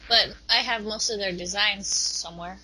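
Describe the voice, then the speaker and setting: A young woman co-hosting a podcast in casual chat, speaking slowly and hesitantly. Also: medium pitch, fairly even intonation, slightly rough, rough recording. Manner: slow, hesitant, soft-spoken. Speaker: podcast co-host.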